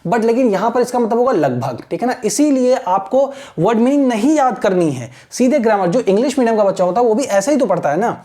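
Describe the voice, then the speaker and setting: A man gives a patient classroom lesson, reading English passages slowly and word by word. His voice is soft and mellow, never sharp. He keeps checking that his students are following. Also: high voice, animated. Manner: patient, repeats a checking tag after nearly every sentence. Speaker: teacher.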